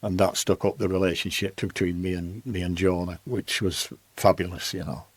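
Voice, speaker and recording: A man's voice: low-pitched, normal speed, breathy edge, no room sound. A man, telling rambling stories as a podcast guest. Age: 80s. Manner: rambling, lively anecdotes with restarts. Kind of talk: storytelling in casual conversation.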